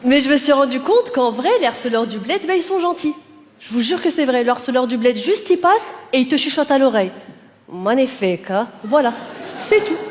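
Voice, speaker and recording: A woman stand-up comedian, talking directly to the audience on stage in a lively, energetic way. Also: sits high, brisk. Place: on stage before a live audience. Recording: live stage with loud crowd noise.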